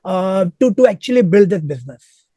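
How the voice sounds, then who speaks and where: A man with a high but mellow voice hosts a podcast interview. He frames his questions politely and a little haltingly, with plenty of okays. His sound is dry and close, with no room echo. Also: sing-song. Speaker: podcast host. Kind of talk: interview questions and short acknowledgements.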